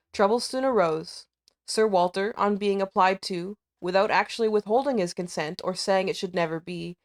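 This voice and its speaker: Female storyteller for literary audiobook narration; measured phrasing, mid-range voice. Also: mid-range voice. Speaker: storyteller reading a classic novel aloud.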